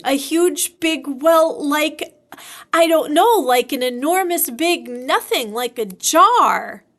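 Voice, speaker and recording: A woman's voice: high-pitched, fairly bright tone, full character voice. A woman voicing a small, timid, panicky male piglet in a children's storybook, stammering breathlessly with fright. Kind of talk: children's storybook character reading.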